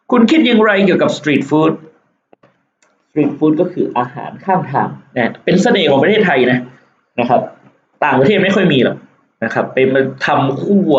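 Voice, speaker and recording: A man teaching English, going over exam questions. He reads the English lines slowly, then explains them and jokes about the test. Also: medium pitch. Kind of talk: exam walkthrough lesson. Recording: echoey lo-fi room with faint hiss.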